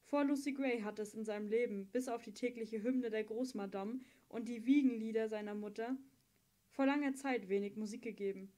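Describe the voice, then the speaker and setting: A woman reading a novel aloud as an audiobook narrator, with steady, measured storytelling. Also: fairly high pitch. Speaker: audiobook reader.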